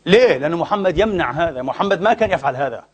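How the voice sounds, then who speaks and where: A man's voice: on the high side, lively intonation, very fast, husky. Fervent, scornful male preacher. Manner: fervent, scornful, rhetorical questions, swings from loud outbursts to near-whispers. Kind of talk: impassioned religious lecture.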